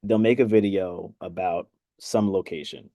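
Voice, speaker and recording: Male interview host, relaxed and supportive, warm tone, dry recording. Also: low-pitched, moderate pace, no echo. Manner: relaxed, encouraging, trails off softly. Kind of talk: casual interview chat.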